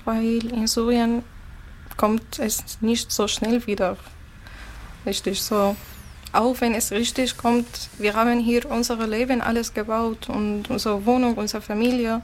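A woman's voice: fairly high pitch, slight background noise. A woman from Syria, a native Arabic speaker, answering interview questions in plain, simple German with small slips. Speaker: interviewee, musician. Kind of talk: casual interview.

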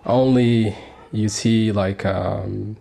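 A man in his thirties from Sudan, talking as a radio guest in a low, gravelly and somewhat husky voice. His tone is mellow and fairly flat in pitch. He speaks earnestly, pausing often with fillers and restarting his sentences. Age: 30s. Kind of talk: conversational radio interview.

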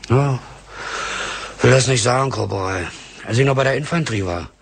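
An actor playing a down-to-earth, fatalistic army field cook in a war radio drama. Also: male voice, medium pitch, moderate pace, vocal fry, breathy edge. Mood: resigned. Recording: faint background noise.

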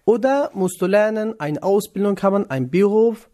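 A young man from northern Iraq, talking in a radio interview. His voice sits a touch higher than most men's. His German is halting, with many pauses and fillers. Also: expressive, mellow. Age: 20s. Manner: hesitant non-native German with many fillers. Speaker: interviewee, trainee cook.

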